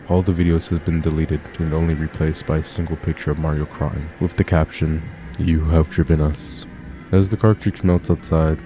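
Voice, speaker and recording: A man reading scripted horror story narration as a YouTube narrator, in a steady, even retelling. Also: low voice. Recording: music playing behind.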